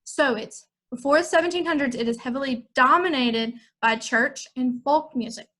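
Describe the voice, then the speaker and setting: Speaking at normal speed, a bright young woman from the United States with a high-pitched voice leads an online music lesson for kids. Her manner is cheerful and chatty, aimed directly at her young students.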